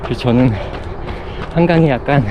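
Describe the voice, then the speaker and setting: A running vlogger talks in short phrases as he jogs city paths outdoors, giving a reflective, casual monologue. His voice is mid-range at a moderate pace, and the audio is dull. Urban noise and passing traffic come through clearly.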